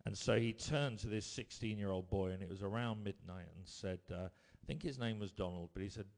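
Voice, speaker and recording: Male preacher, lowish voice, storytelling sermon, swings from bold to hushed. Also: brisk. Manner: storytelling, rising to emphatic bursts then dropping quiet.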